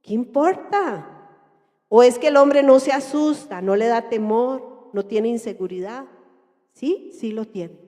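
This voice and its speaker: A woman with a Costa Rican accent speaking to a group, lively and questioning her listeners. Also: on the high side, measured pace. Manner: lively, asks the audience questions and acts out everyday voices. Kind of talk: talk to a church group. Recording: echoey hall.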